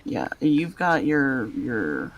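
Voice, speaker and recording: A man's voice: medium pitch, sing-song, very slow, muffled recording. A man teasing his friends and laughing a lot while they play a game together. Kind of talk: casual gaming chat.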